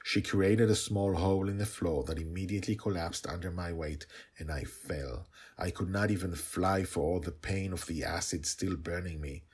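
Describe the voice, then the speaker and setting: A formidable dragon, played by a man, tells his own story in a low, rough-edged voice. The delivery is solemn and dramatic, like a devoted guardian recounting an adventure for an audio storybook. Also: moderate pace, darkish tone. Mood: tense. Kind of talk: scripted audio story narration.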